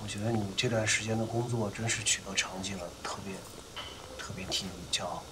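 A man's voice: lowish voice, fairly even intonation, a little fast, very noisy, natural voice. An actor playing a contrite young husband who stammers out apologies and pleads with his crying wife. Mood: tender. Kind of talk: TV drama acting. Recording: drama scene under loud music.

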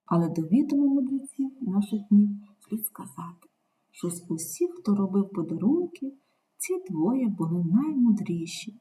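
A woman reading a story aloud in a measured, expressive narration. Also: medium pitch. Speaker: reader.

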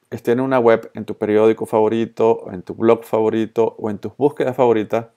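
This man has a medium-pitched, dark voice and a Colombian-Venezuelan Spanish accent, having been born in Colombia and raised in Venezuela. As a social media tutorial presenter, he narrates a casual screencast informally, mixing in English terms.

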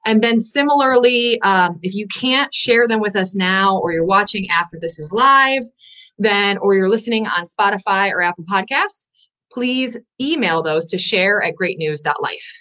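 A woman hosting a live good-news show, bubbly and enthusiastic, a little out of breath, rushing through her stories. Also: medium pitch, lively intonation, sharp tone. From Northwest Indiana. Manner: bubbly, enthusiastic, talks in quick bursts. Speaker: host.

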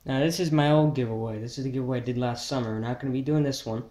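A teenage American man with a medium-pitched voice speaks as a channel host. He announces a giveaway in a casual vlog style, chatting straight to his viewers. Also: racing, darkish tone. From New Jersey, United States. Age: teens. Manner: casual, addressing viewers as guys.

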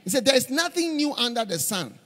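A middle-aged man with a very high voice, talking a little fast, preaches at a conference on a big church stage. He uses a handheld mic for animated stories with many repeated phrases, and the hall is reverberant.

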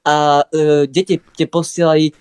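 A man's voice: on the high side, level tone. A man arguing on a live stream, earnest and defensive, stumbling over his words. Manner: earnest, defensive, many restarts. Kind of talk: heated argument on a live stream.

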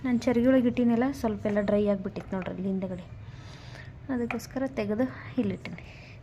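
A woman's voice: mid-range voice, quick pace, dark tone, lo-fi sound, slight background noise. A young woman, chatting casually to viewers in a home vlog and showing them her housework. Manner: chatty, keeps saying "look" to viewers. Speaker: vlogger and mother.

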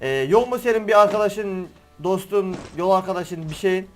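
A young man giving excitable, slangy play-by-play of a shooter game, teasing the players he beats. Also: high voice, normal speed. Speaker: gaming streamer. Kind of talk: live gameplay commentary. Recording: game music and gunfire behind.

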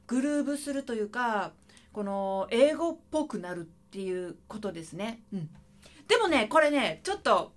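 A woman with a high, bright-pitched voice gives a saxophone lesson. She talks in a lively, chatty way that swings up and down, and she breaks into scat syllables to show the rhythm. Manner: lively, chatty, sings and scats phrases to demonstrate. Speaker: saxophone teacher. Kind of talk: video music lesson.

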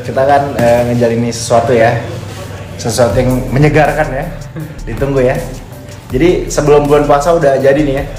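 Man in a roomy house over loud music. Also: mid-range voice, fairly even intonation, brisk. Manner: playful, teasing, laughs often. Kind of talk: casual selfie video chat. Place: indoors, in a house full of guests. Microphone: phone held at arm's length.

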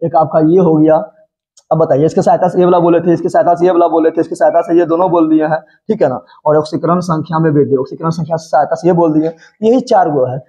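A man's voice: on the high side, steady tone, fast talker, dark tone. A man teaching a chemistry exam-prep lesson, drilling terms through playful repeated questions and answers. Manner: repetitive call-and-response drilling, playful. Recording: dull lo-fi recording.

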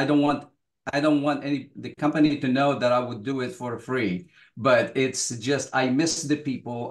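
An older man from Lebanon speaks earnestly on a video call, stopping and restarting his sentences often. His voice sits in a middle pitch and carries a roomy echo from the space around him. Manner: earnest, halting, many restarts. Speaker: guest author. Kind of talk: casual panel talk on a video call.

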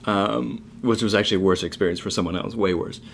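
A man's voice: lowish voice, steady tone, quick pace, creaky, a little hiss or hum. A young man co-hosting a casual podcast, telling a long story loosely with many fillers. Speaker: podcast co-host. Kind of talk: casual chat.

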